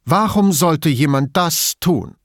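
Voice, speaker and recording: A man voicing an indignant, frightened female veterinarian in an audiobook, raising his voice to sound higher and shaken. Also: very animated, takes it slowly, breathy edge, no echo, studio quality, exaggerated voice. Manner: indignant, shaken pleading questions. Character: indignant frightened woman veterinarian, middle-aged.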